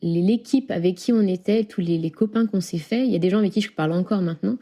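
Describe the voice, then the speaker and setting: A woman's voice: medium pitch, fast talker, warm tone. A young woman from near Lyon, chatting as an interview guest, with many fillers and frequent laughs. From France. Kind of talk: casual interview chat.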